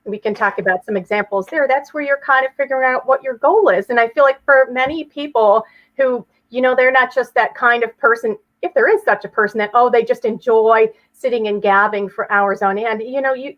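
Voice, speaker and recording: A woman's voice: fairly high pitch, fairly quick. A woman speaking as an interview guest, explaining things conversationally and chattily with everyday examples. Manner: chatty, illustrates with hypothetical examples. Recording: slightly dull, lo-fi audio.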